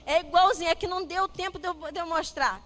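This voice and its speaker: A middle-aged Brazilian woman, a psychologist, giving a lively church talk on parenting and acting out family dialogue as she tells stories. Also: very high voice, fast talker. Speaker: guest speaker, psychologist.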